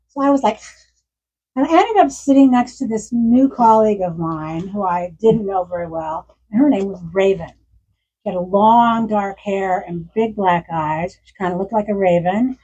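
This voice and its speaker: A woman's voice: medium pitch, slightly rough, muffled recording. A woman in her sixties, an author reading from her memoir and telling stories at a bookstore event, with frequent laughs. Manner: warm storytelling with frequent laughs.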